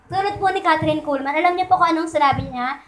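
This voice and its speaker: Woman preacher, high voice, conversational Taglish sermon, echoey church room with faint noise. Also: fast. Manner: conversational, asks "di ba po?" often. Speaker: church speaker.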